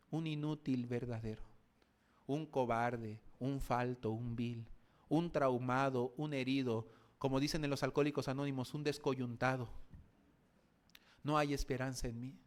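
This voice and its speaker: A pastor with a Mexican accent preaching an evening sermon, dramatic, swinging between quiet reflection and forceful declarations. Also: male voice, medium pitch.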